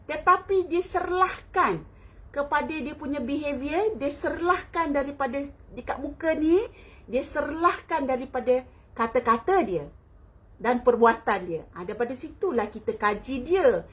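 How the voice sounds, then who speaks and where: A woman's voice: high-pitched, expressive, normal speed. A middle-aged Malaysian woman hosting a live talk, chatting with viewers, laughing often and mixing English phrases into her speech. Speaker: online talk host. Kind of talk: live-stream chat answering viewers.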